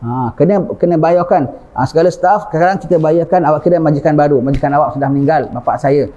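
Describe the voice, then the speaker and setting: A man's voice: a little high, fast talker, dark tone, muffled recording. A man with a Malaysian Malay accent giving an informal religious talk, often checking in with his listeners. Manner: conversational, often asks the audience 'ha?'. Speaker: religious preacher. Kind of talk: informal sermon.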